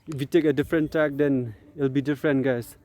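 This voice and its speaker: A man's voice: medium pitch, fairly even intonation, fairly quick, mellow. A man with a Northeast Indian accent talking casually outdoors for a running vlog, hesitant and often repeating his phrases. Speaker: vlogger. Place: outdoors on an open grass field.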